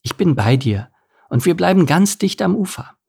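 A man voicing a caring father duck who talks to his ducklings slowly and patiently in a storybook reading. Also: high-pitched, creaky, husky, pitched above the performer's own voice, full character voice. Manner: calm, slow and reassuring.

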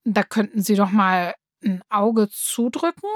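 A woman's voice: medium pitch, a little slow, no room sound, studio quality, close to an everyday voice. A woman doing a coaxing schoolgirl. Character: pleading schoolgirl, clever and persuasive.

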